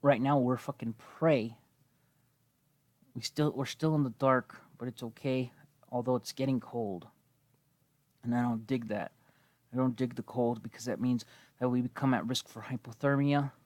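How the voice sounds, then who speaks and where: A gaming video host in his twenties gives casual, rambling gameplay commentary, laid-back and given to swearing, slightly wheezy because he's coming down with a cold. His mid-range voice has fairly even intonation, a moderate pace, long pauses and a darkish tone, and the recording is dry.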